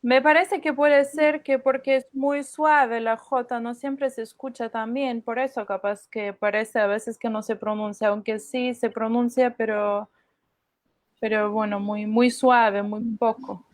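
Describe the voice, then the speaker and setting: Woman co-teacher, tentative and reflective delivery, higher voice, dry close mic. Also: fairly even intonation, a little slow, no room sound. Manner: hedging, thinks aloud, invites correction. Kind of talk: casual class discussion.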